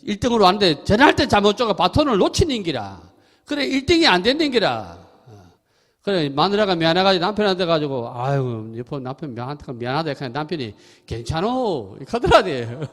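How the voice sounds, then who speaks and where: Lively Gyeongsang monk in a reverberant hall. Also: male voice, high voice. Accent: Gyeongsang Korean. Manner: lively, chatty, laughs often, asks listeners questions. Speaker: Buddhist monk giving a dharma talk. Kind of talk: sermon with storytelling. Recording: temple hall with long reverb.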